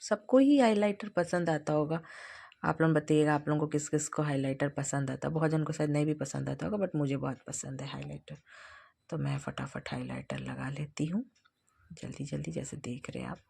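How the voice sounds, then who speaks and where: A young woman chatting casually to her viewers in a home vlog, hurried and talkative. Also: deep voice, expressive, creaky, mellow, husky. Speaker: vlogger.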